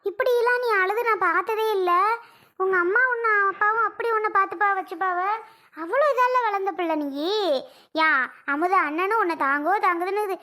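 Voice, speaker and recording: A woman voicing a fussing village neighbour woman in a cartoon, loud and scolding, with a southern Tamil accent. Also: very high-pitched, brisk. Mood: coaxing. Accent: southern Tamil (Kanyakumari-Tirunelveli). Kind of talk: cartoon voice acting.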